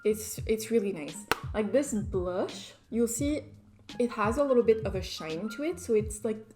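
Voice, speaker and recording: Over music, a young woman with a French Canadian accent chats through a makeup tutorial right after waking up. The beauty vlogger's fairly high voice is animated but a little slow, and she's easygoing and self-deprecating.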